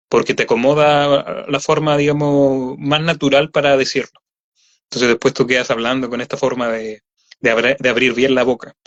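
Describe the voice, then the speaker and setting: Chilean guy talking dubbing stuff, rambly, mid voice, kinda dull sound. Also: medium pitch. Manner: chatty, explains at length with many fillers. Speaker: voice actor guest. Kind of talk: casual interview chat. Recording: slightly dull lo-fi audio.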